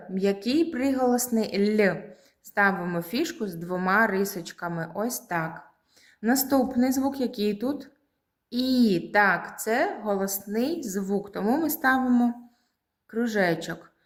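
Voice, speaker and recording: A preschool teacher from Ukraine leading a lesson for small children, speaking slowly and clearly and drawing out the words. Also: female voice, a little high.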